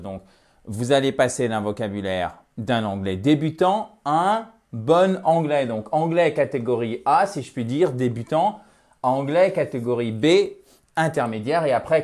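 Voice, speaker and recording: Animated man teaching, drawling slowly. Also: a little high. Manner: animated, repeats words slowly to model pronunciation. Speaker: English teacher. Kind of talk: lively explanatory lesson.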